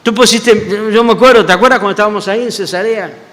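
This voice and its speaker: A man voicing a remorseful male apostle. He pleads in a strained, high, self-reproaching voice. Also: expressive, normal speed, fairly bright tone. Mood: pleading. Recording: church hall with long reverb.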